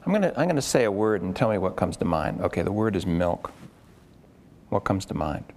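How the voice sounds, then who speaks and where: Man, therapist, low voice, gravelly, probing questions, live demo session. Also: very animated, darkish tone, a little hiss or hum. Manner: coaching, repeats words, quick probing questions. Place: room with an onlooking group.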